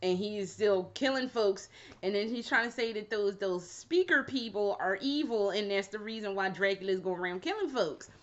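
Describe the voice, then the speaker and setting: A woman's voice: medium pitch, lively intonation, normal speed, lo-fi sound. Woman chatting in a slangy recap. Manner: casual, slangy and swearing, laughs while retelling. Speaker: vlogger reviewing a show. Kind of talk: casual chatty review.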